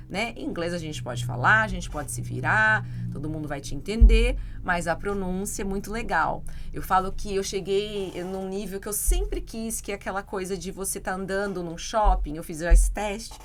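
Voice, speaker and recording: A Brazilian woman teaching English talks through her points in a relaxed, chatty way, checking in with little tag questions. Her voice sits at an ordinary middle pitch. A faint hiss of background noise runs under the recording. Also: moderate pace. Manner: chatty, explains with examples, frequent tag questions. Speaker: English teacher, podcast co-host. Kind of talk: casual podcast chat.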